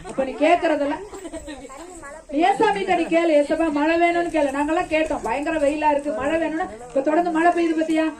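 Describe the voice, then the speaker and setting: A high-pitched woman tells a Bible story to a group of children. She peppers them with questions and coaxes them fondly as she goes. Children's chatter fills the background of this outdoor recording. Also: fast. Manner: keeps asking the children questions and answering them; coaxing and affectionate with the children. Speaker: children's ministry teacher. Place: outdoors during rain. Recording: children's chatter all around.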